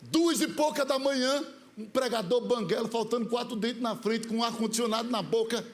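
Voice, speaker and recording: Male Brazilian pastor, high-pitched, comic storytelling sermon with mimicked voices. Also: brisk. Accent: Brazilian Portuguese.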